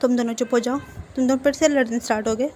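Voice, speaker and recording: A calm, charming young man, voiced by a woman narrator in a read-aloud fan story. He speaks with courteous politeness in a mellow voice that sits slightly high. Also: rapid-fire, a little hiss or hum, close to an everyday voice.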